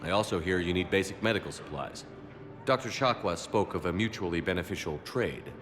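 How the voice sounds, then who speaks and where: Military commander, low voice, firm, measured, steadfast, video game dialogue, music in background. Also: male voice, animated. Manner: firm, measured, plain-spoken. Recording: music behind the voice.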